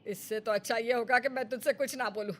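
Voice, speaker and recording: A loud, nagging older mother-in-law from a storybook, acted by a woman. Her voice sits very high and shrill, and she scolds and complains without letup. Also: fairly even intonation, a little fast, slight background noise, natural voice. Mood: scolding. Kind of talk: Hindi storybook voice acting.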